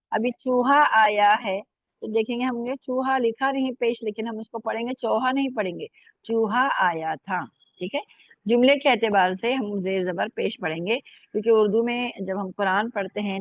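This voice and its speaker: A woman's voice: on the high side, no room sound, dull audio. A woman teaching an online Urdu lesson, patiently spelling out letters and syllables and checking in often with her students. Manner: patient, repeats "ठीक है" and "है ना" often.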